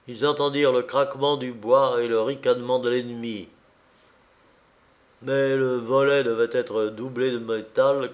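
A man narrating a novel as an audiobook in a measured, dramatic way. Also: medium pitch.

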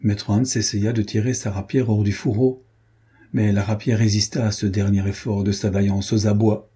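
Brief: male audiobook narrator, measured delivery, dark mellow voice with heavy breathiness. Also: fairly low pitch, slightly rough. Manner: measured, even storytelling.

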